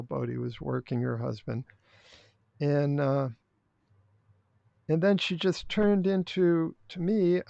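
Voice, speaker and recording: An older man speaking as a podcast guest in casual interview chat, blunt and opinionated, halting with restarts. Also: mid-range voice, gravelly, a little mellow, no echo. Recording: dry, dull lo-fi sound.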